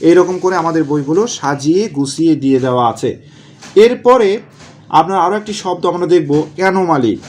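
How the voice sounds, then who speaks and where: Lively man drilling vocabulary. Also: fairly high pitch. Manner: asks and answers his own questions, drills words slowly. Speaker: exam prep tutor. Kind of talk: vocabulary lesson.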